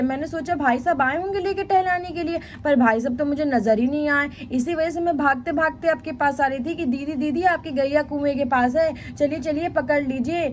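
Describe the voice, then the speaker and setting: A woman's voice: high voice, a little hiss or hum, lightly acted. A woman voicing an eager young village neighbor in a doll story.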